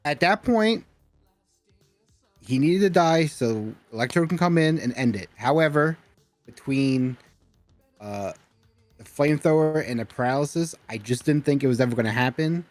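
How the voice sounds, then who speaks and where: A man's voice: on the high side, expressive, moderate pace, pauses often, faint music behind. A man who is a guest player on a stream, explaining his moves in a defensive, matter-of-fact way. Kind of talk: casual chat on a stream.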